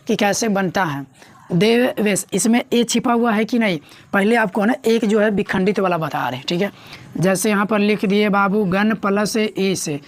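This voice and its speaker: A woman teaches a grammar lesson in a mid-pitched voice. She keeps asking the class questions and answers them herself, coaxing them along. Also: creaky. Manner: repeats questions to students, coaxing.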